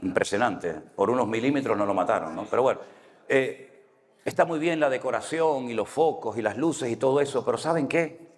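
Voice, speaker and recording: A man's voice: mid-range voice, lively intonation, brisk. A man from Spain with a Canary Islands accent, a pastor giving a conversational sermon full of anecdotes and asking the congregation "right?" often. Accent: Canary Islands Spanish. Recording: long hall reverb.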